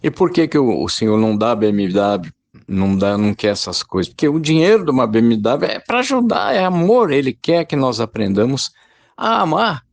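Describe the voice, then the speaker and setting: A man preaches in a loose, conversational way, often turning to his listeners as brothers. His voice has a gravelly, fried edge. The sound is close and dry, with no room around it. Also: mid-range voice, sing-song, normal speed, no echo. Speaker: lay preacher. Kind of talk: informal spoken sermon.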